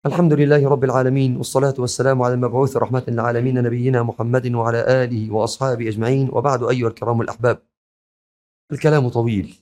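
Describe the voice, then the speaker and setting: Guy preaching, fiery and passionate, mid-pitched voice. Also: little pitch movement, very fast, a little mellow. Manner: impassioned, climbing to raised fervent calls. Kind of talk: sermon.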